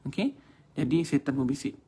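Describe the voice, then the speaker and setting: A man's voice: a little high, very animated, a little fast, mellow, slightly rough. A man with a Malaysian Malay accent telling a religious story as a Quran teacher, chatty and mixing in English words. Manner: chatty, addresses audience as tuan-tuan dan puan.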